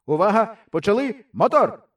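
A man voicing an excitable, fussy male film director who barks commands and turns whiny. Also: high-pitched, normal speed, recorded from a distance, noisy background, pitched above the performer's own voice. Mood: commanding. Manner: shouting commands, turning whiny.

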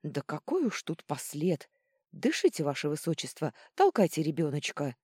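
A flustered male court healer exclaims in bewildered bursts, as a woman puts him on. His voice leaps around in pitch while staying low and warm. It is recorded close and dry. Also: moderate pace, slightly rough, dry recording, heavily acted. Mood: agitated. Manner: excited, exclaiming.

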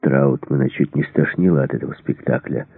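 A man reading an action novel aloud, steady and dramatic. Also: extremely low pitch, fairly quick, creaky, slightly rough, dry recording. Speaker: audiobook narrator. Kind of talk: scripted narration of an action novel. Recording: dry, tinny phone-like sound.

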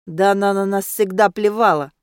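A woman voicing a sharp-tongued teenage girl dressed as a butterfly, who grumbles sullenly. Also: mid-range voice, fairly even intonation, normal speed, smooth, no room sound, studio quality, lightly acted. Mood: sulky.

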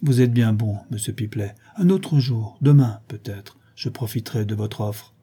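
A man voicing a reserved gentleman tenant who speaks politely and evenly. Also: fairly low pitch, husky. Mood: courteous. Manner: polite and measured.

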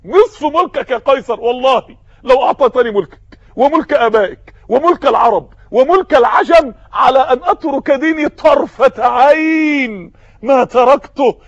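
A man voicing a defiant, devout captive, making slow, solemn, emphatic declarations. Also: very high-pitched, expressive, dry recording, dull audio.

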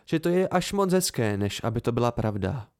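A man's voice: medium pitch, sing-song, a little mellow. A man voicing a teasing, playful young woman in an amateur audiobook reading. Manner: teasing, lilting.

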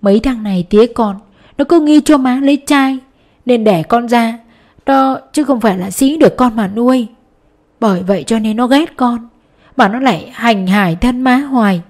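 A woman's voice: on the high side, normal speed, a little mellow, natural voice. A woman reading the lines of a poor grieving mother who pleads sorrowfully in an audiobook story.

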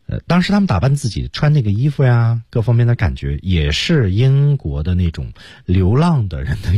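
A male radio host teaching English in a bilingual lesson, often breaking into English phrases with big exaggerated pitch jumps to demonstrate them. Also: big pitch swings, normal speed, mellow, slightly rough, no echo, lo-fi sound. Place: radio studio.

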